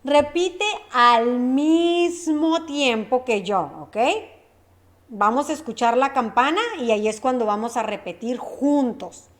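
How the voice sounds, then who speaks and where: A woman's voice: high-pitched, slow pace, a little hiss or hum. A woman teaching a lesson, running repeat-after-me drills and checking in with short questions. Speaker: Spanish teacher.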